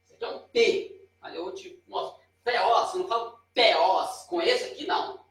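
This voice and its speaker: A man with a Brazilian Portuguese accent teaches casually at a board, pointing and correcting himself as he goes. His voice is very high and creaky with a fairly bright tone, fairly quick, and its pitch swoops wildly. He sits far from the mic in a very echoey room.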